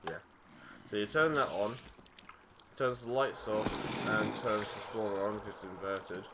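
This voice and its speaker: A young man talks through his game in a loose, rambling way, full of fillers and restarts. His voice sits fairly low. Loud noise runs under the recording along with clicks from the game. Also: a little slow. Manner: rambling, easygoing, frequent fillers and self-corrections. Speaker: gaming YouTuber. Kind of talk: casual let's-play commentary.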